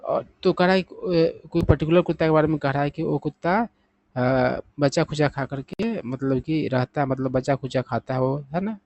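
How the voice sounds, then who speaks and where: A man teaching English vocabulary in Hindi, explaining each word step by step and reading the example sentences slowly. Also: on the high side, dry recording, lo-fi sound. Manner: steady explaining, often adding "thik hai na?".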